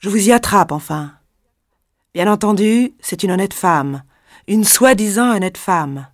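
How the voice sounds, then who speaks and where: A woman reader voicing a massive, coarse young woman who shouts harsh, scornful accusations in a shrill voice. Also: expressive, unhurried, no echo, studio quality, close to an everyday voice. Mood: furious.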